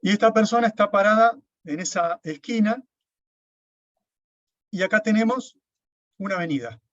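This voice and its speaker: A man's voice: high-pitched, expressive, moderate pace, fairly bright tone, no room sound. Man teaching a class, step by step. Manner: explains step by step, with frequent "¿sí?" checks. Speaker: lecturer. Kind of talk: recorded online class lecture. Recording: dull, dry lo-fi sound.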